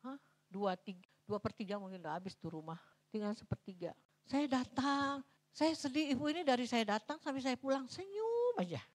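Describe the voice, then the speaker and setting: A middle-aged woman pastor from Sumatra, preaching a sermon in a church and telling stories, swinging between hushed asides and loud, dramatic peaks. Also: a little high, big pitch swings, a little fast. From North Sumatra.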